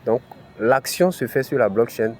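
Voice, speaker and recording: A man's voice: mid-range voice, expressive, normal speed. A man with an African French accent walks viewers through a screen-recorded tutorial step by step, with lots of "ok" and "voilà". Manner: explains step by step, many "ok" and "voilà" fillers. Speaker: crypto channel host.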